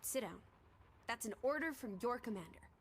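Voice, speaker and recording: An actress voices a spirited, teasing young woman companion in a video game, breezy, sardonic and a bit bossy, with an overall soothing mood. Her voice is a little high with lively intonation, normal speed and a slight hiss or hum, and game music plays in the background.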